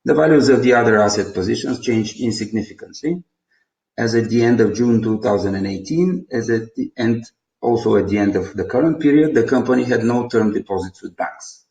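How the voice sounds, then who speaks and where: A company presenter with a Bulgarian accent formally reads a scripted financial presentation, reciting figures. His mid-range voice is creaky, darkish, and a little fast. The recording is roomy and echoing.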